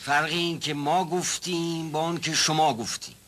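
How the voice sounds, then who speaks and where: A man's voice: a little high, fairly even intonation, fairly bright tone, lightly acted. An actor playing a timid, rambling old male servant who stammers and dodges questions in a 1970s TV drama. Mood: nervous. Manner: stammering, evasive, repeats himself. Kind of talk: 1970s television drama acting.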